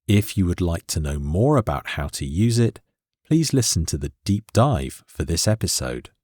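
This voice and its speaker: A man teaching an English lesson, explaining grammar in a slow, clear and deliberate way. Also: sits low, sing-song, a little mellow, no room sound. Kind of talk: scripted lesson narration.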